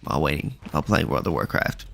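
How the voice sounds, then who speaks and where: A man's voice: rumbling low, expressive, quick pace, creaky, fairly bright tone. A man hosting a livestream, chatting casually while he plays a game. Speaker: livestream debate host. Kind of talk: casual chat while gaming. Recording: roomy sound with music. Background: faint music.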